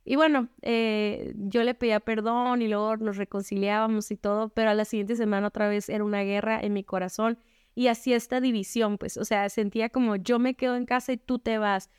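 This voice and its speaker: Smooth-voiced woman giving testimony. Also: mid-range voice, little pitch movement, fairly quick, a little mellow, no echo, studio quality. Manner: conversational, frequent rhetorical "¿no?". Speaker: speaker sharing a faith testimony. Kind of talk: candid personal testimony to women.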